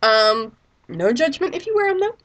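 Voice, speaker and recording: Woman, 30s, sick voice, casual vlog chat, rambling with fillers, slightly high voice. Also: sing-song, moderate pace, a bit bright. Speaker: vlogger.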